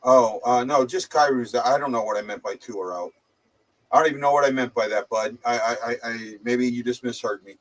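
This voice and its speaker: A man with a medium-pitched, brisk voice hosts a casual livestream chat. He sounds muffled and distant, as if on speakerphone, and has a slight head cold. He rambles hesitantly, stumbling and repeating himself.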